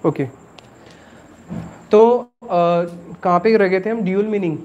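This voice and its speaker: A man's voice: sits high, unhurried, phone-quality sound. A man teaching a religious class, explaining step by step, asking questions and then answering them himself, with English words mixed into his casual Hindi.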